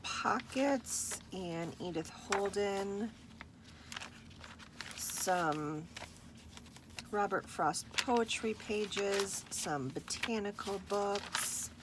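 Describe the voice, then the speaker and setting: Slow-talking woman, husky morning voice. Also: medium pitch, background noise. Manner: relaxed and unhurried, with fillers. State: morning voice, clearing throat. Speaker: journal maker showing her work. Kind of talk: casual show-and-tell vlog.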